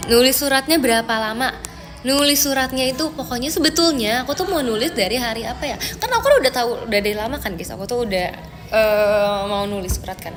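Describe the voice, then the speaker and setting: A woman's voice: fairly high pitch, fairly quick, a bit bright, long reverb tail, faint music behind. A young woman chatting casually on a live stream, answering viewer comments with lots of fillers. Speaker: idol group member streaming live.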